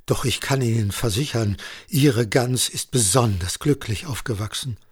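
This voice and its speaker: A man's voice: medium pitch, moderate pace, slightly rough, close to an everyday voice. A man voicing a cheerful, chatty middle-aged farmer's wife in a spoken story. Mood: jolly. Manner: chatty, jolly, confiding.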